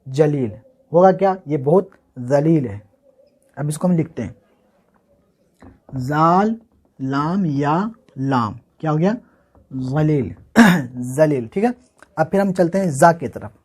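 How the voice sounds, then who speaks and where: Here a man from Bihar, India, teaches Urdu handwriting in a casual lesson, his voice fairly high, slightly rough and a bit raised. Words get spelled out letter by letter and repeated slowly, over and over, while he poses questions and answers them himself.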